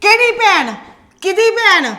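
A woman playing a sharp-tongued mother who scolds her sons and scorns her elderly in-laws in a family drama. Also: sits high, moderate pace. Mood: scolding. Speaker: mother and daughter-in-law.

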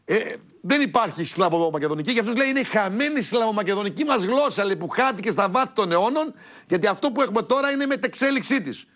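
A man hosting his own TV show, heatedly ranting and shouting at viewers, then pitching products to buy. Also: expressive. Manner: angry, shouting, insulting. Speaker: TV show host. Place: TV studio.

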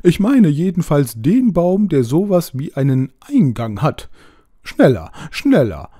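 A man voicing an indignant, bossy owl with a hoarse voice in a storybook reading. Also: on the high side, huge pitch swings, unhurried, warm tone, no room sound, clean studio sound, pitched above the performer's own voice, exaggerated voice. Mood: bossy, frantic. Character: furious, soaked, selfish owl. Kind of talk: audiobook character voice.

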